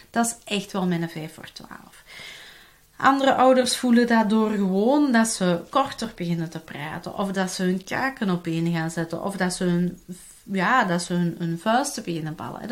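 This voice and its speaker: A woman with a Flemish accent talks parents through her advice in a lively, conversational way. Her pitch sits in an ordinary middle range, and she keeps checking in with her listeners. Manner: lively, conversational, frequent "hè" tags. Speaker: parenting coach. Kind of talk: explanatory talk to parents.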